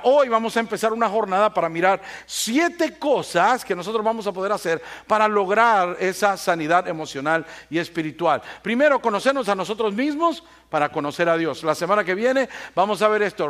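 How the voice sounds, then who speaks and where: A man's voice: sits high, fairly quick, hardly any pauses. A man preaching a sermon, telling stories and often asking the congregation for assent. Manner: animated storyteller, asks the congregation for assent. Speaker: pastor.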